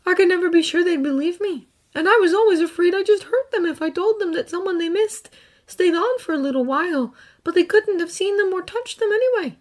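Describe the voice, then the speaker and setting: A woman voicing an earnest teenage boy who sees ghosts, speaking softly and haltingly in a fan fiction audiobook reading. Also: extremely high pitch, voice pushed up. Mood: tender. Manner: soft, halting, emotional.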